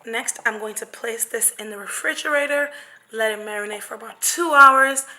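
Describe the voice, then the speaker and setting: A woman's voice: fairly high pitch, normal speed, background noise. A young woman from Nigeria hosting a casual cooking tutorial in her home kitchen, playful and brash, her voice partly gone. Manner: playful, brash, swears jokingly. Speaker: cooking vlogger. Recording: very echoey kitchen.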